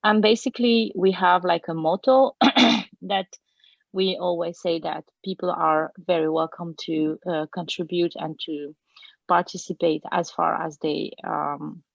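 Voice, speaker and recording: Gravelly low woman, muffled call audio. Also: fairly even intonation, unhurried, no echo. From Morocco. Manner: hesitant, many fillers. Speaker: webinar guest. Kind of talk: thoughtful panel talk.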